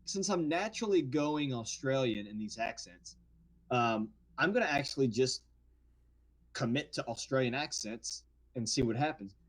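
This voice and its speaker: This guest is a male actor from around New Orleans with a mid-range voice at a normal speed. Chatting casually on a podcast, he spins animated stories and often starts his thoughts over.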